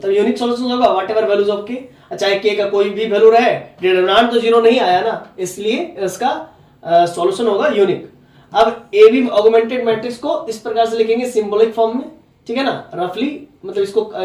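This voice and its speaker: A man's voice: sits high, a little mellow, echoey room, distant mic. A man with a Jharkhand accent teaching a maths lecture in a blunt, scolding way, with "right?" after nearly every step. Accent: Hindi from Jharkhand. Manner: blunt, scolding, repeats "है ना?" and "ठीक है?".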